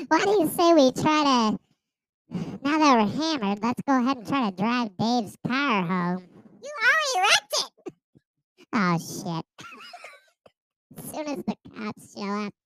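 Men putting on high sped-up chipmunk voices as drunk, swearing cartoon chipmunk brothers in a comedy podcast skit. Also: male voice, huge pitch swings, a little slow, long pauses, fairly bright tone, full character voice, rough recording. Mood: drunk, giggly. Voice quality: squeaky, swearing, giggly. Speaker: podcast hosts.

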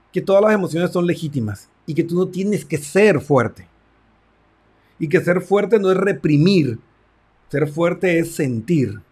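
A man's voice: sits high, a little mellow, husky. A man who works as a therapist, giving a reflective talk on self-esteem and acting out conversations with his clients. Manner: reflective, acts out client dialogues.

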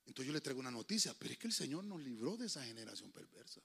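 A man preaching a sermon as a pastor in a church, shifting from fiery outbursts to quiet asides and speaking to the congregation as brothers. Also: medium pitch, sing-song, rapid-fire, vocal fry, breathy edge. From Honduras.

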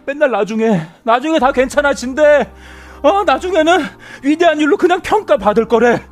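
An actor playing a young male Mars colonist who is sick of the routine, ranting and cursing until his voice breaks into shouts. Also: very high-pitched, expressive, normal speed. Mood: bitter complaint. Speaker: crew member number three. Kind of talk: web drama acting.

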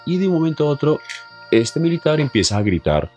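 A young man with a Colombian accent casually telling a travel story in a chatty, animated way, full of asides and fillers. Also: on the high side, fairly quick, faint music behind. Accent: Colombian Spanish.

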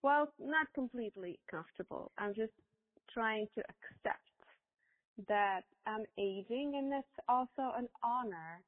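A woman in her forties from Morocco, telling a personal story as a podcast guest in a halting, hesitant way. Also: a little high, expressive. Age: 40s. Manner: halting, hesitant with many pauses. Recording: echoey, tinny phone-like line.

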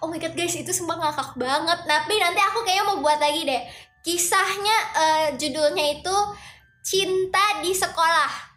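A woman's voice: very high voice, normal speed, bright, forceful tone, roomy sound, faint music behind. A young woman hosting a casual livestream, chatting with viewers and greeting them in a sing-song way. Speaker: livestream host.

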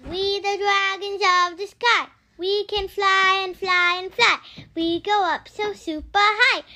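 A woman's voice: very high voice, sharp tone, exaggerated voice. A young woman singing a dragon song in a put-on baby voice.

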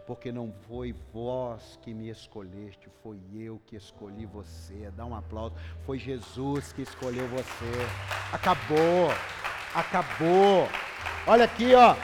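A man with a Brazilian Portuguese accent preaching a fervent sermon, swinging from hushed tones to shouting and repeatedly calling out questions to the congregation. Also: mid-range voice. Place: church hall. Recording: reverberant hall with faint music.

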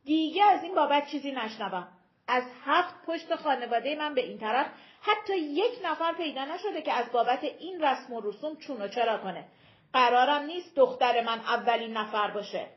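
A woman's voice: sits high, lively intonation, dull audio. A woman reading an audiobook voices a stern, domineering older mother who speaks in a cold, commanding, scolding manner.

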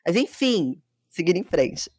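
Uma mulher com sotaque brasileiro, conversando à vontade e falando direto com os ouvintes numa sala online. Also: female voice, on the low side, very animated, unhurried, darkish tone, no room sound, clean studio sound. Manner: chatty, talks to the listeners directly. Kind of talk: casual chat in an online audio room.

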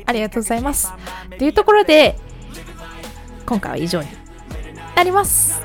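A woman's voice: on the high side, wildly swooping pitch, brisk, faint music behind. A woman from the Kanto region, chatting politely as the host of her own solo podcast, with many fillers.

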